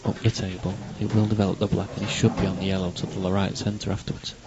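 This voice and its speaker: Male pool commentator, low and flat, wry asides; dull lo-fi stream audio with noise. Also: fast. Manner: chatty, wry asides to viewers. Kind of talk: live sports commentary.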